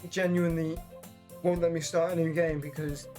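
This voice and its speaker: Over game music, this YouTuber reads on-screen text and comments on a let's play, swearing freely in a relaxed way. The voice sits mid-range with a level tone, moves fairly quickly, and sounds a little mellow.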